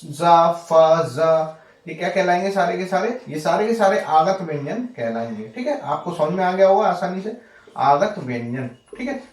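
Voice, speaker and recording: A man's voice: high-pitched, expressive, normal speed, a little mellow. A man teaching a Hindi grammar lesson for exam students. He explains step by step, repeats the example words, asks the class questions and keeps saying "okay" between points. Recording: echoey room, voice from far off the mic.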